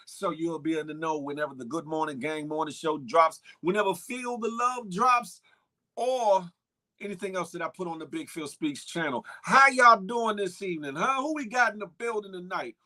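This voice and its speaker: Hosting a laid-back live-stream talk show, this man calls out viewers by name with lots of energy and keeps returning to the same catchphrases. His voice sits high and is expressive, moving at a moderate pace.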